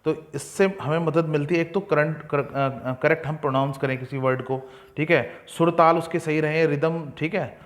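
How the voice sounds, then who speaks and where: A young man with a fairly high voice leads an exam-prep lesson in a steady tone. He reads each English point slowly and deliberately, then explains it in Hindi with many fillers.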